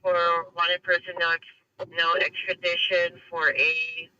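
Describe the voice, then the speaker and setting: Bright, high man on a police radio. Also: flat delivery, slow, lo-fi sound. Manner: terse, procedural readout. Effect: police radio scanner. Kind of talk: clipped radio dispatch.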